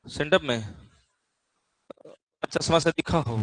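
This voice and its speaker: A man's voice: on the high side, slow pace, fairly bright tone, no echo. A male physics teacher, lecturing a class in a chatty way, teasing students and often checking that they follow. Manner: keeps asking the class "theek hai na?".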